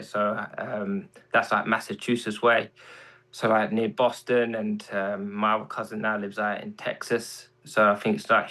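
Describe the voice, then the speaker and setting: A soft-spoken man from London, his accent clearly London English, appears as a guest on a casual chat show. His voice is fairly low, he hesitates with lots of ums, and the audio quality is poor.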